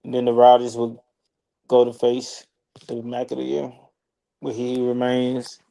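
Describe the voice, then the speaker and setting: A man's voice: medium pitch, completely flat delivery, a little slow, creaky, warm tone, low-quality recording. A man co-hosting a live fantasy football stream, laid-back and joking, swearing freely and talking through his picks. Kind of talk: casual live-stream banter.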